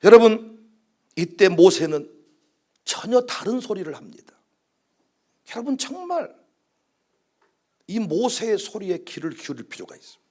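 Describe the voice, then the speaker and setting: A male pastor with a Jeolla accent preaching a sermon at a prayer meeting, dramatic, with rhetorical questions and swings from hushed to loud. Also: high voice, sing-song, normal speed, pauses often. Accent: Jeolla Korean.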